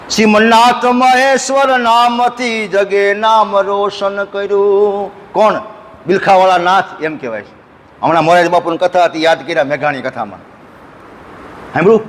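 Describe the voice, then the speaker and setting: A man preaching a devotional sermon at an ashram, telling folksy stories and breaking into slow sung verses. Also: a little high, long reverb tail, a little hiss or hum. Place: ashram hall.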